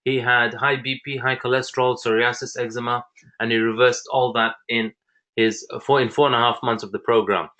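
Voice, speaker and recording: A man in his thirties gives a presentation with enthusiasm, at a middle pitch. He often pauses on fillers as he goes. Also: little pitch movement, pushed and bright. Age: 30s. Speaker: fitness program founder. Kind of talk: presentation talk.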